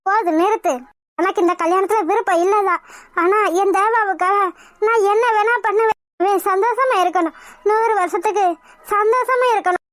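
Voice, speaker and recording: A woman's voice: very high voice, normal speed, a bit bright, dry recording. Woman voicing a tearful young bride. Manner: pleading, desperate. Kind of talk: Tamil cartoon voice acting.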